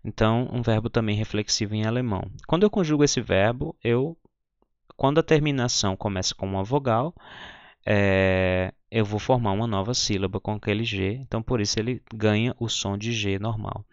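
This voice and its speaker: A man teaching German pronunciation, patiently spelling out syllables and saying example words slowly. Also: lowish voice, dry recording, dull audio. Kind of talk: explaining pronunciation lesson.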